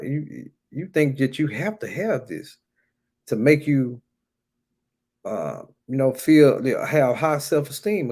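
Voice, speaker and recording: A husky, darkish voice with vocal fry and medium pitch comes from an American man giving an informal sermon. He exhorts the crowd colloquially, stressing key phrases and coming back to them repeatedly.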